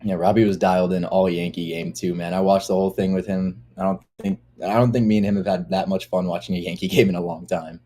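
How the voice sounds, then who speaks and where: Low, mellow young guy chatting casually. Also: level tone, quick pace, few pauses. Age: young adult. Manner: slangy, frequent like, bro and dude. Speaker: sports watch party co-host. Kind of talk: casual live stream chat.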